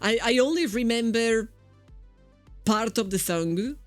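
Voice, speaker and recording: A woman's voice: a little high, animated, slow pace, soft background music. A woman with an Italian accent giving casual, chatty game commentary as a streamer, often repeating her first words. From Italy. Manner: chatty, repeats words when starting sentences.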